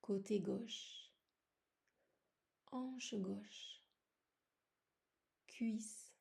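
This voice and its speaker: This yoga nidra guide has a mid-range voice with vocal fry and fairly even intonation. Soothing and unhurried, she offers short phrases with long pauses, her soft speech sometimes sinking toward a whisper.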